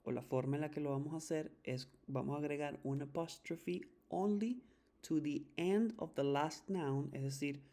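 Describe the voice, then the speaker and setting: Speaking in Spanish with a warm tone and medium pitch, a teacher gives an English grammar lesson, patiently repeating each rule and slowly drawing out the example words.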